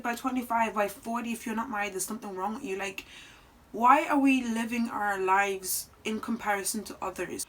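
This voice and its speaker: A woman in her twenties giving heartfelt advice in a casual vlog, earnest and animated, dropping to soft asides and rising to loud outbursts. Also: a little high, rough recording. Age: 20s. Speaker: vlogger.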